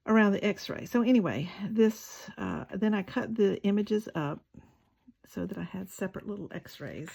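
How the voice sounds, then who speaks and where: A woman's voice: lowish voice, creaky, slight background noise, low-quality recording. A woman, talking casually through a craft tutorial, chatty and self-deprecating, with muttered asides while she works. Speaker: craft video maker.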